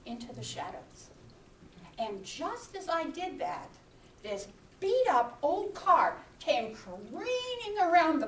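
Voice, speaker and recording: Animated woman minister telling a story. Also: sits high, roomy sound, far from the mic, a little hiss or hum. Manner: animated, acts out her own frantic shouts and whispers. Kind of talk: sermon storytelling. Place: church hall.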